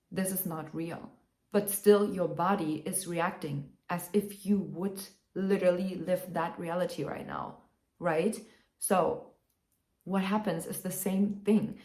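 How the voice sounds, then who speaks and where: A woman vlogger with a somewhat low voice coaxes her viewers through a motivational self-help talk. She sounds upbeat and keeps checking in with "you know" and "right?". The room has a noticeable echo. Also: darkish tone. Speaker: lifestyle vlogger. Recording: echoey room.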